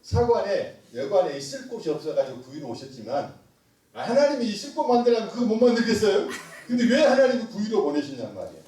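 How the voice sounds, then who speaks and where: Animated high-voiced preacher in an echoey church. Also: male voice, fast talker. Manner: animated, joking, quizzes the congregation, laughs often. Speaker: pastor, missionary. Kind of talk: lively sermon with call-and-response. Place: church sanctuary. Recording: echoey room, mic at a distance.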